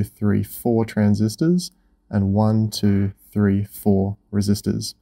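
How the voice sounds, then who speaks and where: Young man with a mellow, low voice. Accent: Australian. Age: young adult. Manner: enthusiastic, explanatory, counting things out. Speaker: host. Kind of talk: casual electronics factory vlog. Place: workshop, indoors.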